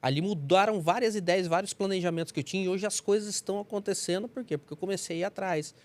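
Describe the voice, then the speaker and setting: Enthusiastic man, raised pitch. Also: fast talker, a little mellow. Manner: enthusiastic, repeats himself for emphasis. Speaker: podcast host. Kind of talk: casual podcast chat.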